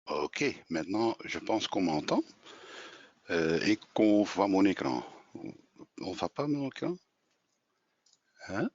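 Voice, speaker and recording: A Flemish-accented man in his sixties, a native Dutch speaker and software company co-founder, presents in French at a webinar, often hesitating as he searches for words. His low voice is expressive, slow, a little mellow and full of long pauses. The video-call audio is dull and dry, with no room sound.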